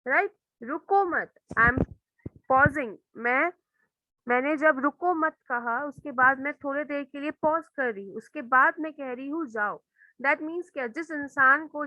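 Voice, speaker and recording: Indian woman schoolteacher, bright voice, unhurried classroom explanation, dry sound. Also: high-pitched, no room sound, muffled recording. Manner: explains slowly in English, then switches to rapid Hindi. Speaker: school teacher.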